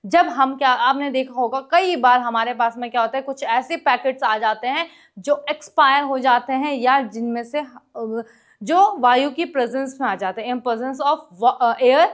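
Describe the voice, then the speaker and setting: A woman teaches an exam-prep lesson, talking straight to the students. She works through each step and keeps checking whether they follow. She reads English question text slowly and sometimes coughs or clears her throat. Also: high-pitched. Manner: explains step by step in Hindi mixed with English, keeps asking the class questions.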